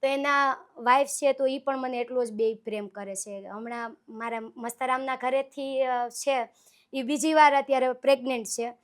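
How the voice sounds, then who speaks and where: A woman's voice: high voice, fairly even intonation, normal speed. A woman, from Saurashtra in Gujarat, speaking as a guest folk singer in a casual interview and telling her stories earnestly. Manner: earnest, heartfelt, storytelling.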